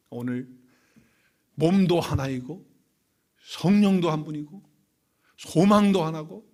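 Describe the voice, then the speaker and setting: A male pastor delivers a Sunday sermon in a relaxed, conversational manner. His voice sits a little high, and he tells stories and chuckles along the way. He talks from the pulpit of a church. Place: church sanctuary.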